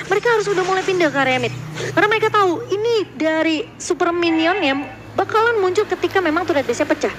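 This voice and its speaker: A woman with an Indonesian accent giving excitable live esports match commentary as play-by-play caster, drawing out words in big moments. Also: very high-pitched, noisy background.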